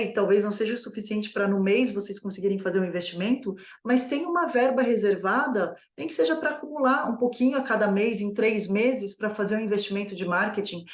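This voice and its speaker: Woman coaching, roomy sound. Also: medium pitch. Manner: asks herself rhetorical questions, conversational. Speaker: business coach. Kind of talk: online course lesson.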